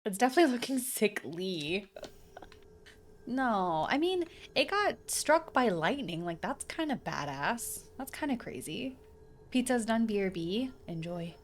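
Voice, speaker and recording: A woman's voice: mid-range voice, big pitch swings, a little slow, slight background noise. A young woman at home, casually chatting and rambling through a live gameplay stream, with slang and the odd swear. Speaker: game streamer. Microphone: desk streaming mic.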